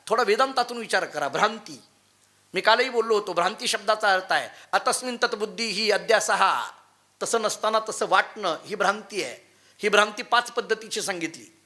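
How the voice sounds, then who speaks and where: A male devotional preacher giving a sermon in a temple, telling stories and chanting scripture quotes with lively emphasis. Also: high-pitched. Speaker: kirtankar preacher. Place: temple hall.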